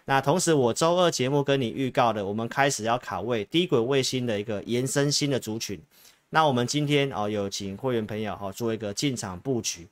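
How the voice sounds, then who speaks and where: A man's voice: mid-range voice, brisk, no room sound. A man with a Taiwanese Mandarin accent presents stock market analysis as an advisory host. He speaks straight to his viewers, stressing and repeating key points. The sound is dry, with very little room in it. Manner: emphatic, repetitive, addresses viewers directly. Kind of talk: stock market commentary to camera.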